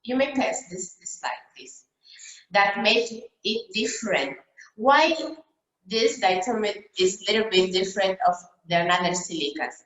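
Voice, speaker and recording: A woman from Brazil whose first language is Portuguese, giving a dentistry case report over slides on a video call, halting with many fillers and restarts. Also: medium pitch, fairly bright tone. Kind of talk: conference talk over slides. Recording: roomy echo.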